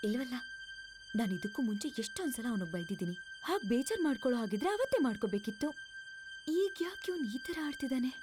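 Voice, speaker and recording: A woman's voice: a little high, big pitch swings, fast talker, over music. An actress playing a bold, caring young village woman who scolds and teases in a bossy way. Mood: puzzled. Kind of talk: film dialogue.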